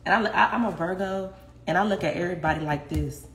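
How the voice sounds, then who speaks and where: This livestream host talks fast in a lowish, somewhat bright voice. She's a young woman in her kitchen at home, phone at arm's length, chatting openly with viewers, often laughing and cursing without restraint, with echo and faint noise around her.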